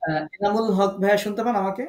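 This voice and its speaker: A man with a high but darkish voice talks fast in a roomy, rough recording. With a Bangladeshi Bengali accent, he conducts an online recitation class by video call, patiently quizzing, encouraging, and correcting students' pronunciation.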